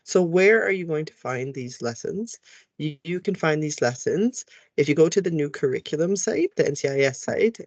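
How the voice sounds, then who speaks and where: In a recorded tutorial walkthrough, a teacher trainer with a fairly high, darkish voice explains how to use phonics lesson slides. He guides teachers through each part, sounding out letters the way they should with kids. The recording is muffled but has no echo.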